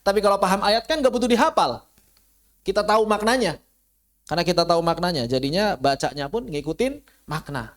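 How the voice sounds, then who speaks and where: Male religion teacher, online class; chatty, rhetorical questions, voice climbs when he makes a point. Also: brisk. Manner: animated, rises high when stressing a point; casual, uses local slang. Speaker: Islamic studies teacher. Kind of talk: online Quran lesson. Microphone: close mic, online class.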